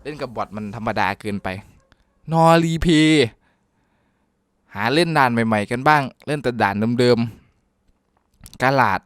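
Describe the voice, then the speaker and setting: Excitable man narrating his gameplay. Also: mid-range voice, moderate pace, dry recording, clean studio sound. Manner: excitable, joking, talks to viewers while playing. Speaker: gaming YouTuber. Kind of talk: casual gameplay commentary.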